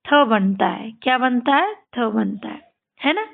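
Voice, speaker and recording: A woman's voice: big pitch swings, a little slow, gravelly. A woman teaching English phonics to children, sounding words out letter by letter, repeating each one, and often checking in with the class. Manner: often ends with a high-pitched tag question to the children. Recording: tinny, phone-like audio.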